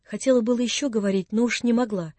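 A narrator reading classic prose for an audiobook in a soft, measured storytelling manner. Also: medium pitch, fairly even intonation, dry recording.

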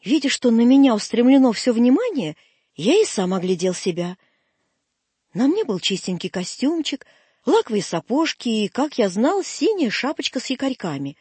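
A woman narrating a story aloud in an expressive reading voice. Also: on the high side, normal speed, slightly rough, dry recording. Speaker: reader.

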